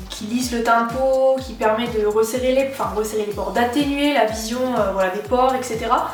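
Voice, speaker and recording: Chatty young woman, echoey room. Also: high-pitched. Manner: chatty, many fillers and restarts. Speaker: beauty vlogger. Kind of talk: casual haul review. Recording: very echoey room, mic at a distance, faint music.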